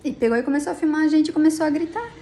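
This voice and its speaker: A woman's voice: high-pitched, fairly even intonation, very fast, mellow. A tired middle-aged woman telling of a dispute in an agitated, rambling way, with many restarts. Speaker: vlogger recounting a personal dispute. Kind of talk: emotional personal account. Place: inside a police station.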